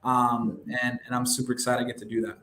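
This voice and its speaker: A young wealth management advisor from New York City speaks fast with a medium-pitched, sharp, completely flat delivery. As a guest in a casual interview, he talks at length, full of fillers and upbeat self-promotion. The recording has a roomy echo and a faint background hum.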